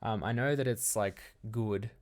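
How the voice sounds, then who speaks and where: A man's voice: on the low side, a little slow, darkish tone. A young man chatting casually on a live stream, answering chat questions in a rambling, frank way full of fillers.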